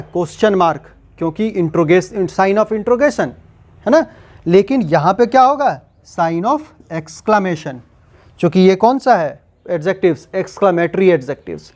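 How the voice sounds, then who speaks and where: Slow, high-voiced grammar teacher. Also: male voice, darkish tone. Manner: slow, repeats and quizzes with rhetorical questions. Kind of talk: spoken grammar lesson.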